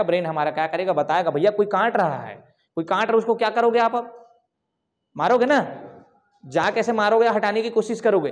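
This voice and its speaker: A male coaching teacher, teaching a live online class in an informal way, asking questions and then answering them himself. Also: high voice. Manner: repetitive call-and-response questioning; informal, calls students bhaiya and bhai. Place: coaching class, recorded over slides.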